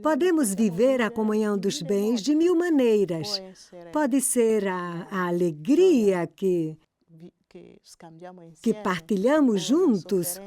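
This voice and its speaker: A woman voices the translation of an interview. She reads slowly and deliberately, and her voice sits at a middle pitch. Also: dark tone. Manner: slow, deliberate reading. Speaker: voice-over interpreter. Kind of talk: read voice-over translation.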